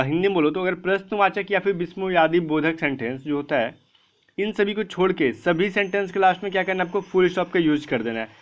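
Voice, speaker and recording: A man with a fairly high voice gives an online English lesson for exam students. He explains step by step, often asking a question and answering it himself. The audio sounds dull and lo-fi. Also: a bit bright. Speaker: English teacher for exam prep. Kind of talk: online class lecture.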